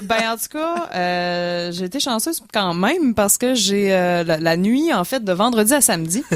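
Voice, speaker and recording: A woman's voice: mid-range voice, animated, normal speed, no room sound, clean studio sound. A young woman with a Quebec French accent, chatting as a guest on a radio show, full of fillers and restarts. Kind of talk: casual radio chat.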